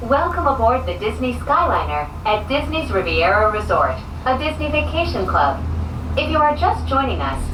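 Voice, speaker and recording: A woman making polished, friendly pre-recorded transit announcements, played over a cabin loudspeaker. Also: recorded from a distance. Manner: polished, friendly, clearly enunciated. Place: inside a moving gondola cabin. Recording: echoey loudspeaker heard from across a cabin. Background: vehicle rumble and ambient noise.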